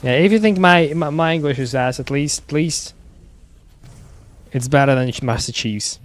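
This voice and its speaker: Halting male streamer. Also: on the high side. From Russia. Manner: reads chat aloud, halting with repeated restarts. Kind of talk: live game stream chat.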